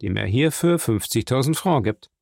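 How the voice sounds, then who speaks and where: A man's voice: mid-range voice, lively intonation, normal speed, creaky, darkish tone, dry recording, clean studio sound. A man voicing a cold, guarded young male impostor who answers curtly, in a storybook reading. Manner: curt, guarded.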